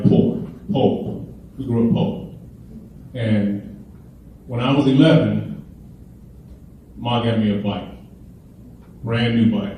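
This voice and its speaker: In an echoey hall with a distant mic and faint hiss, a middle-aged man from Chicago gives a motivational keynote. His voice is medium-pitched and mellow. He tells funny stories casually, in a conversational, storytelling manner.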